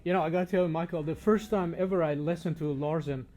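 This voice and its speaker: At an audio show demo room, a man interviews on location, speaking casually and appreciatively. His voice is on the high side, steady in tone, fast, and a little mellow. He's recorded with a binaural microphone.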